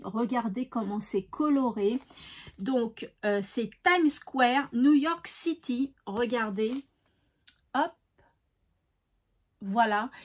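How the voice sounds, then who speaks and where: A woman with a regional French accent chatting casually to her viewers about her craft finds, full of fillers and cheerful enthusiasm. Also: fairly high pitch. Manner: chatty, many fillers and "voilà". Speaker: craft vlogger.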